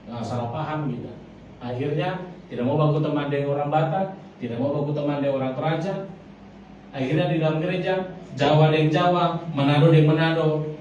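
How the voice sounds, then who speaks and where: A man's voice: on the high side, darkish tone, highs cut off. A man preaching a sermon, speaking emphatically and often turning to address the congregation as brothers and sisters. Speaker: pastor. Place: large church hall. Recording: very echoey hall, mic far off, faint noise.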